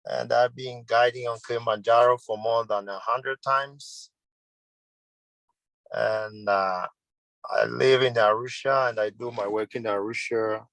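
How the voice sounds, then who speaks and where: On a video call, this Tanzanian man in his thirties, a mountain guide who owns a tour company, answers interview questions earnestly in simple words, frequently repeating and correcting himself. His medium-pitched voice is unhurried and fairly even, fairly bright with vocal fry; the audio is poor though echo-free.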